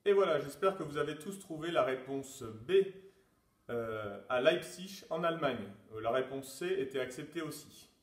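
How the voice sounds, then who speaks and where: A man's voice: medium pitch, animated, moderate pace. A man running a quiz and exercise session as a teacher, reading out answer choices and calling out the start of each exercise. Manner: announcing questions, calling out "top!" to start exercises. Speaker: sports teacher. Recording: echoey room, mic far off.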